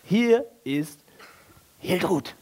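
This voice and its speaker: A man's voice: high-pitched, expressive, very slow, a little mellow, heavily acted. A man voicing an eager, naive young man who proudly offers God his oldest sick sheep. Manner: earnest, pleased with himself.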